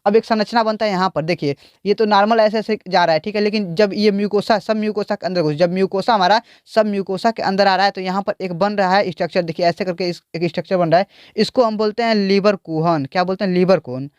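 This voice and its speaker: A man's voice: high voice, fairly even intonation, fast talker, smooth, no echo, studio quality. A man teaching biology, explaining a diagram and repeatedly asking the class questions.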